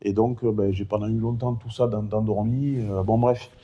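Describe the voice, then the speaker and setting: A middle-aged man talking casually in a vlog, rambling and chatty with many fillers; one vocal cord is impaired, so he has no high head voice. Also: steady tone, moderate pace, breathy edge, lo-fi sound. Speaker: vlogger recounting his cancer.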